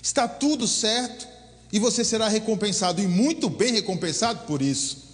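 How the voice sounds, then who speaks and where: A man's voice: sits high, moderate pace, lightly acted. A man voicing a corrupt male boss who coaxes and reassures. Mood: coaxing. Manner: coaxing, reassuring. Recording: long hall reverb.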